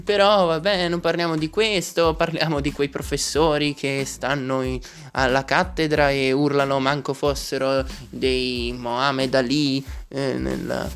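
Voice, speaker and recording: A man's voice: mid-range voice, clear, resonant tone. A man hosting a comic monologue, talking in a sarcastic, joking rant. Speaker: host.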